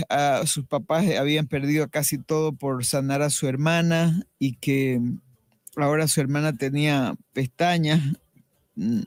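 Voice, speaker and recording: A woman's voice: low voice, a little mellow, no room sound. A middle-aged woman giving a personal faith testimony as a radio interview guest, earnest and reflective, often restarting her sentences.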